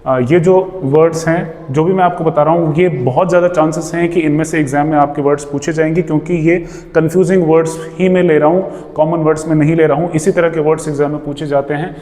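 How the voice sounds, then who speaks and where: A male English teacher with an Indian accent, switching between Hindi and English and repeating each word slowly several times. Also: on the high side, fairly even intonation, mellow, big-room sound. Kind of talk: pronunciation lesson.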